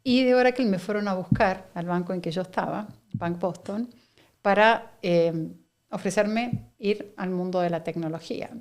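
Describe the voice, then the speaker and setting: A middle-aged woman from Argentina with an Argentine Spanish accent, a guest speaking in a measured, reflective interview manner. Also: medium pitch, darkish tone. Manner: reflective, measured, with frequent fillers and laughs. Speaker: guest, company director. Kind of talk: conversational interview.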